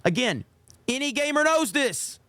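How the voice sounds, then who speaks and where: A man's voice: very high-pitched, big pitch swings, moderate pace, sharp tone, smooth, no echo. A man giving casual, opinionated commentary on gaming clips in a blunt, sarcastic, sweary manner.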